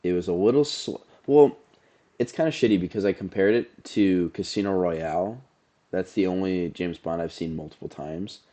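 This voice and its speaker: Co-hosting a podcast, a young adult man chats casually about movies and rambles in a laid-back way, sounding nasal from allergies. He has a deep, warm voice and speaks at a moderate pace.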